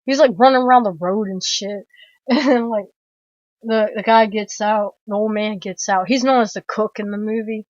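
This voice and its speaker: A woman's voice: medium pitch, fairly even intonation, normal speed, no echo, dull audio. A woman casually retelling a horror movie's plot in a rambling way, full of "like", restarts and the odd swear word. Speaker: film reviewer.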